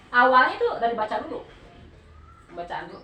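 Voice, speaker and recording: A woman with a fairly high voice and a Sundanese accent teaches a Quran study group. She explains patiently and keeps asking her listeners to answer. The sound is echoey, heard from a distance across a room with faint noise behind. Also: big pitch swings, moderate pace, sharp tone. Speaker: religious teacher.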